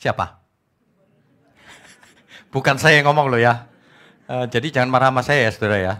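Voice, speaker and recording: A man preaching an evening prayer sermon as pastor, with a mocking, lively manner. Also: medium pitch, normal speed.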